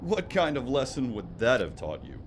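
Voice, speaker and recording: An actor playing a jolly, wry old Santa in an audio drama, lecturing heartily. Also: male voice, mid-range voice, very animated, normal speed, a little hiss or hum, close to an everyday voice. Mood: gently scolding.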